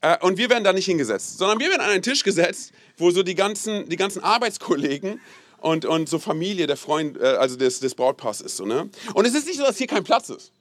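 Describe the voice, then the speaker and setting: A young man as a pastor giving a casual, animated sermon, peppered with "hey" and asking the audience to repeat phrases. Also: sits high, fast, no room sound. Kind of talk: lively sermon.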